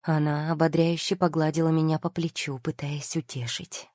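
A woman's voice: sits low, flat delivery, moderate pace, darkish tone, no room sound, clean studio sound. A woman reading a romance novel aloud in the first person, with emotion. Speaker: audiobook narrator.

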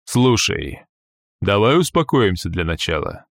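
A man voicing a calm, measured male team leader in an audiobook. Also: fairly low pitch, no echo, clean studio sound.

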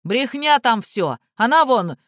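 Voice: mid-range voice, moderate pace, a bit bright, dry recording, clean studio sound, close to an everyday voice. A reader voicing a scrawny male petty thief in custody, who rants and shrieks at his lawyer. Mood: hysterical. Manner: shrieking, ranting.

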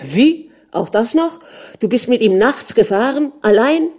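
A woman reading an audiobook and voicing a jealous, hot-tempered aristocratic prince who scolds and shouts at his wife. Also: mid-range voice, normal speed, lightly acted. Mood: shouting.

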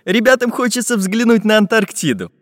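A man voicing a cheerful little pencil wizard in a storybook tale, brisk and admonishing. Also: high-pitched, lively intonation, dry recording, clean studio sound, big-room sound, pitched above the performer's own voice.

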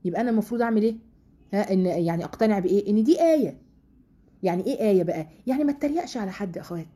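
Fast-talking husky Egyptian woman teacher. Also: mid-range voice, lively intonation, warm tone. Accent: Egyptian Arabic. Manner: conversational, full of rhetorical questions; slows down to recite verses. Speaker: Quran study teacher. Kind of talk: casual religious lesson to women.

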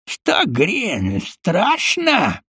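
A man's voice: high voice, very animated, normal speed, vocal fry, no room sound, studio quality, pitched above the performer's own voice, exaggerated voice. A man voicing a sadistic, grinning male villain who taunts gleefully in an audiobook. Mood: gleeful taunting.

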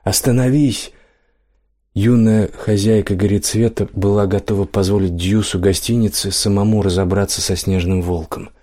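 Low-voiced male audiobook narrator. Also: little pitch movement, moderate pace, hardly any pauses, dark tone. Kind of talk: scripted narration of a fantasy audiobook.

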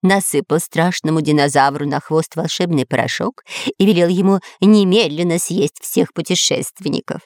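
A woman's voice: fairly low pitch, normal speed, a little mellow, dry recording, clean studio sound, natural voice. A woman doing a fussy, anxious parrot servant. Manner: fussy, justifying himself.

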